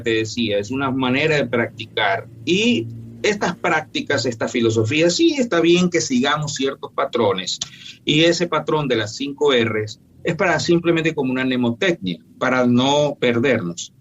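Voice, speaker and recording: A man's voice: mid-range voice, lively intonation, normal speed, a bit bright, dull audio, a little hiss or hum. A man, a functional medicine doctor, explaining his approach in an emphatic, teacherly way during an interview. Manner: emphatic, didactic, lists points firmly.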